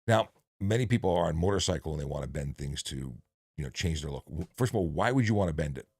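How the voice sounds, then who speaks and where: A man's voice: very deep voice, lively intonation, fast, a little mellow, breathy edge, dry recording. A man, a former traffic cop hosting a casual live question-and-answer stream, chatty and jokey. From Canada. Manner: chatty, jokey, filler-heavy. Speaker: livestream host, former traffic police officer.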